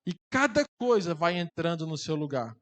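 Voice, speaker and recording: Impassioned pastor preaching in a hall. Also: male voice, fairly high pitch, sing-song, normal speed. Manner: impassioned preaching, building to loud climaxes. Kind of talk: sermon. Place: church hall.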